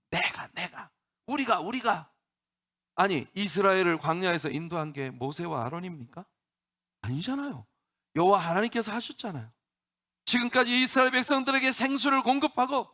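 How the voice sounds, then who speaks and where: Pastor preaching in church, high gravelly voice, keeps firing questions at the crowd. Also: male voice, sharp tone. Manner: emphatic, rhetorical questions to the congregation. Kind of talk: sermon.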